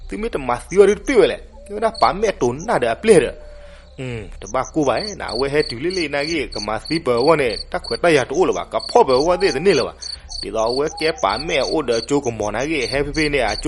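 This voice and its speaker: A man narrating a folk legend, animated and switching voices for the characters. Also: medium pitch. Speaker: storyteller. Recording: noisy recording with crickets behind.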